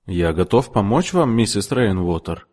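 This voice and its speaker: A tall, proud shop clerk, read by a man speaks with polite composure. His voice is lowish and even, carrying a long room echo. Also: normal speed. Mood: calm.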